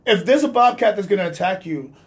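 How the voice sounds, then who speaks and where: A man hosting a casual talk show, telling stories in an animated way. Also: high-pitched. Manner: animated storytelling, talks fast when excited. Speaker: podcast host. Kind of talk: casual chat.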